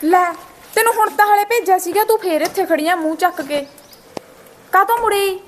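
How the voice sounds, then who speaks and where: A woman playing a shrill, spiteful sister-in-law. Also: brisk, a little hiss or hum. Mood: scornful. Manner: scolding, dismissive. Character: spiteful young sister-in-law, sharp-tongued. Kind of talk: amateur short-film acting.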